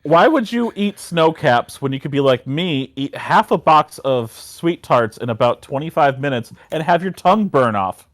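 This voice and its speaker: A man chatting casually as a podcast co-host, blunt and swearing, his voice coming through an online call mic with uneven auto gain that overdrives it and then drops it very quiet. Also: fairly high pitch, animated, normal speed, few pauses, no echo. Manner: blunt, swears when flustered. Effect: uneven auto gain, overdriven then very quiet mic level. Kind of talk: casual chat. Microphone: USB mic over an online voice call.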